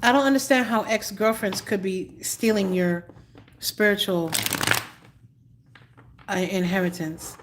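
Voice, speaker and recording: A woman's voice: mid-range voice, steady tone, measured pace, long pauses, a little hiss or hum. A woman tarot reader on a live stream, answering viewers bluntly but apologetically and repeating her advice.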